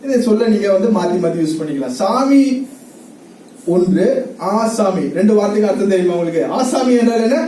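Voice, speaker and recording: High-voiced preacher in an echoey hall. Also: male voice, expressive, brisk, mellow, far from the mic, slight background noise. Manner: asks the audience questions and repeats their answers; laughs often while talking. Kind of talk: sermon with questions to the congregation.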